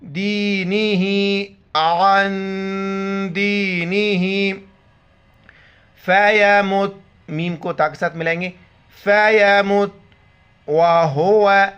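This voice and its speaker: Man slowly spelling out recitation syllables. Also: high voice, steady tone, a bit bright, clear, resonant tone. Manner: spells syllables slowly, explains rules in quick asides. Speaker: Quran reading teacher. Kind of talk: letter-by-letter recitation lesson. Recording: slightly dull lo-fi audio.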